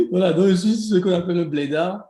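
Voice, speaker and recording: A man's voice: high-pitched, moderate pace, mellow, reverberant. A man in his thirties from Benin with a Beninese French accent, a guest in a casual interview who talks with many restarts and laughs easily. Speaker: guest, e-commerce coach.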